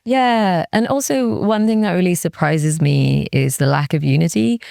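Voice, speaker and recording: A music industry executive from Cardiff, Wales, speaks as an interview guest in a candid, serious, reflective way, often quoting her own thoughts and peppering her speech with "like." Her voice is on the low side, a little mellow with vocal fry, at normal speed. The recording is dry and studio quality.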